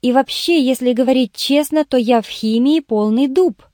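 Woman reading stern male interrogator, audiobook, harsh questions, fairly high voice. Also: moderate pace, darkish tone, no room sound, clean studio sound, close to an everyday voice. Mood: interrogating. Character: stern male journalist investigator, blunt.

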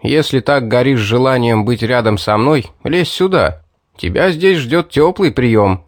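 A man's voice: medium pitch, expressive, measured pace, no room sound, lightly acted. Man doing a stubborn young sellsword, curt and sarcastic, dry close voice, audiobook hero. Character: sarcastic young male mercenary, wary and stubborn.

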